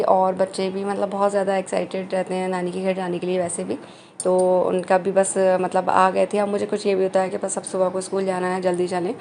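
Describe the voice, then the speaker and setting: A woman in her thirties narrating a family vlog in a chatty, easygoing way, with frequent fillers and pauses. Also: medium pitch, darkish tone, a little hiss or hum. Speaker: family vlogger. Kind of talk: casual voice-over narration.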